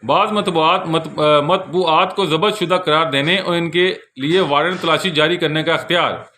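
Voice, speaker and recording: With a sharp tone and fairly high pitch, a bookseller with a Pakistani accent walks through his law books informally, explaining conversationally and repeating his points a lot. He speaks at a moderate pace with fairly even intonation, filmed on a handheld camera held in one hand.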